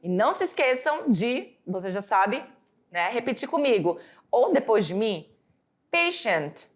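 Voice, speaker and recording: A Brazilian woman teaching English vocabulary, slowly drilling words for students to repeat after her. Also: fairly high pitch, expressive. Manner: slow, drawn-out word drills for students to repeat. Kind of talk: recorded classroom lesson.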